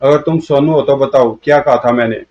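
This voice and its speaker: A man's voice: medium pitch, fairly quick, darkish tone, close to an everyday voice. A man voicing a stern barrister father who questions a stranger, in a comic storybook reading. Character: stern, puzzled father, a middle-aged barrister. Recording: dull lo-fi audio.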